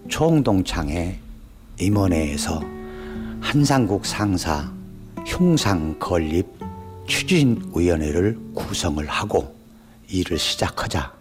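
Older educator interviewee: man in his sixties, deep voice, unscripted talk. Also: big pitch swings, takes it slowly, music in the background. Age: 60s.

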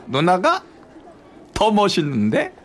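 A man's voice: high voice, fairly bright tone, slight background noise, full character voice. A man playing a clumsy, sweet young male student in a radio drama. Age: young adult. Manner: dazed, sheepish.

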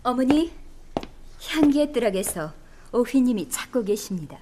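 A woman's voice: medium pitch, moderate pace, long reverb tail, noisy background, lightly acted. A woman playing a cool, accusing noble daughter in an audio drama. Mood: deferential.

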